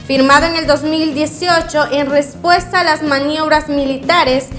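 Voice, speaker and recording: A woman news anchor reading scripted headlines in a formal, crisp way. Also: high-pitched, steady tone, measured pace, a bit bright, faint music behind.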